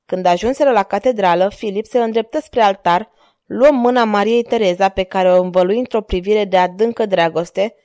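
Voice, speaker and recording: A woman with a Romanian accent narrating an audiobook from a script in a measured, dramatic storytelling manner. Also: mid-range voice, darkish tone, dry recording, studio quality.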